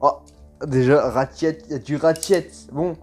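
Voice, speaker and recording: A man chats through an unboxing on his phone in a slightly higher voice. He gushes and exclaims constantly and talks in easy, slangy speech, with faint music playing underneath. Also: a little slow, a little mellow. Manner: gushing, exclaims often, lots of slang. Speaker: toy unboxing vlogger. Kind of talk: excited casual unboxing commentary.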